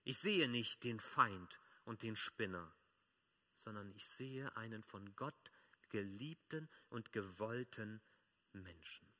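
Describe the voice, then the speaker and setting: Man, pastor preaching, very bright tone, emphatic, loud then hushed. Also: on the low side, lively intonation, slow. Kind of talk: sermon.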